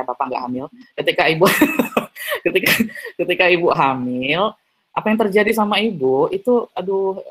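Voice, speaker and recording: A man giving an online seminar talk over a video call, chatty and full of tag fillers. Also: medium pitch. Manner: chatty, heavy use of tag fillers, acts out little dialogues. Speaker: seminar speaker.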